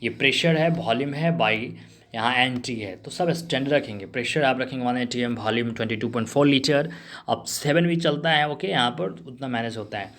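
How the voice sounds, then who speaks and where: A man's voice: mid-range voice, fairly quick, fairly bright tone. A male chemistry teacher giving a revision lesson, explaining step by step and asking the class rhetorical questions. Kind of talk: revision lesson in Hindi-English mix.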